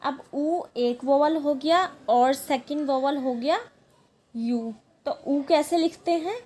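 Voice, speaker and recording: A woman with a high, slightly mellow voice gives a language lesson, walking through each step patiently and checking in with the listener often. Her first language is Marathi, and she keeps saying "ठीक है" to make sure the listener is following. There is slight background noise.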